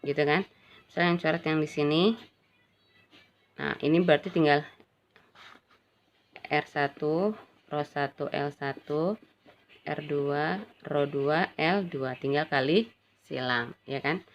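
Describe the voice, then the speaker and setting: A woman's voice: sits low, slow, pauses often. A woman physics teacher gives a casual classroom lecture, chatty and checking in with her students often. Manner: chatty, addresses students as "Nak", frequent "ya kan". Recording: dull lo-fi recording with faint ambient noise.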